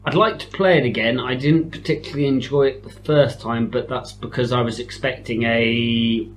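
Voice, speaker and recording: A man's voice: mid-range voice, steady tone, moderate pace, a little hiss or hum, rough recording. A man co-hosting a casual podcast chat, making dry, wry remarks. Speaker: podcast co-host.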